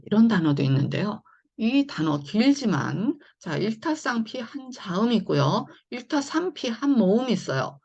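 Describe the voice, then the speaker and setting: A woman's voice: on the high side, big pitch swings, normal speed, few pauses, darkish tone, breathy edge, dull audio. A woman teaching English phonics in an online lesson, explaining patiently and going over each point more than once. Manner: patient, repetitive explaining with frequent "자" and "네".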